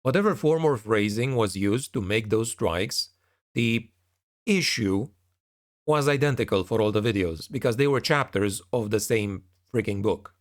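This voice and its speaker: Low-voiced man giving a hesitant channel update. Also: unhurried. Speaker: YouTube narrator and channel creator. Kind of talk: casual spoken update to viewers.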